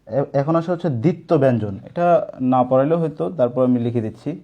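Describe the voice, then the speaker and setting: A man's voice: mid-range voice, lively intonation, fast talker, muffled recording. A young man teaching an online coaching class, explaining step by step and asking his students questions, with casual asides.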